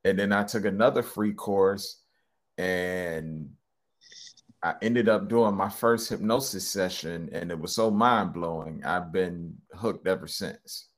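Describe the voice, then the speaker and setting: Being interviewed as a guest, a middle-aged hypnotherapist speaks slowly in a low-pitched voice. His talk is casual and rambling, peppered with ums and restarts.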